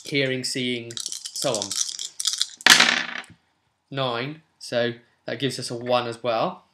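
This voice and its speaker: A man in his twenties hosts a tabletop roleplay channel, chatting casually and thinking aloud while he rolls up a game character and explains it to viewers. His voice is medium-pitched with little pitch movement, and he speaks slowly. The small home room gives a roomy echo, with background hiss and clicks.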